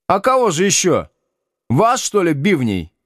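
Man doing a shrill yelling teen boy. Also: huge pitch swings, unhurried, dry recording, clean studio sound, full character voice. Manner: yelling, squealing insults. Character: loud hot-tempered teenage boy, rude and shrill.

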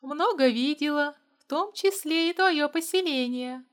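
Woman reading a haughty mom in a story, cool, bossy, measured, kinda high. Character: haughty, probing middle-aged mother.

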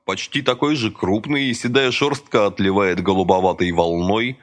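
A man reading a novel aloud as audiobook narrator, with steady, expressive storytelling. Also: lowish voice, normal speed. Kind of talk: scripted narration.

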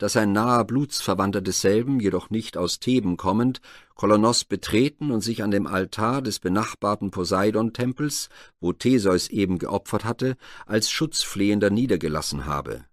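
A man narrating a classic Greek myth as a scripted audiobook reading, measured and formal. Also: on the low side, dry recording, studio quality.

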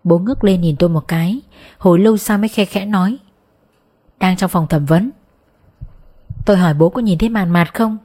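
A woman reading an audiobook in steady, expressive scripted narration. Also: mid-range voice, fast.

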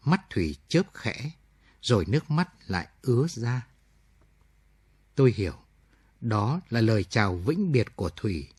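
A male storyteller reads a late-night radio story in a measured, somber voice. His tone is husky and sits at an ordinary pitch. The recording is dry, with no room sound. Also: sing-song, darkish tone, no room sound. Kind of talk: scripted narration of a radio story.

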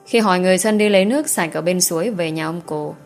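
Low-voiced woman narrator. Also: fast talker, faint music behind. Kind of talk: reading an audio novel.

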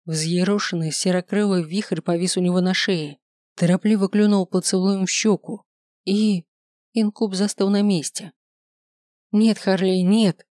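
A reader narrating a fantasy audiobook in a steady, expressive way. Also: medium pitch, dry recording, studio quality. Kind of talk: scripted narration.

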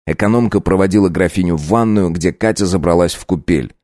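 A man narrating a dark audiobook in a steady storytelling voice. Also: deep voice, fairly quick, no room sound, clean studio sound.

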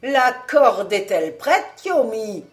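A woman's voice: medium pitch, animated, slow pace, faint music behind. A woman doing a stern old outlaw chief. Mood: mocking.

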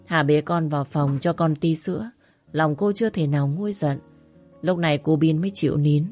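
A woman narrating a family story in a steady, even reading voice. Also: low-pitched.

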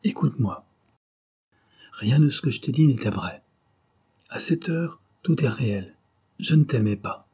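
A man reading as a menacing seducer, dark-voiced. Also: medium pitch, expressive, unhurried, long pauses, slightly rough. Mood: intense. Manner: intense, commanding. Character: calculating, menacing male seducer.

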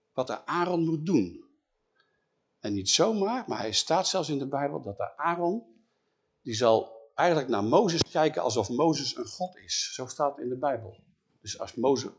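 A man retelling a Bible story in an animated way, often checking in with his listeners. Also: mid-range voice, slightly rough.

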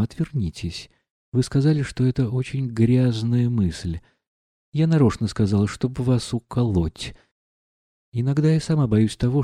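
A male reader voicing a proud, impulsive young noblewoman in an audiobook, agitated and quick to flare up. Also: medium pitch, mellow, no room sound, clean studio sound, close to an everyday voice. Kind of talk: audiobook reading.

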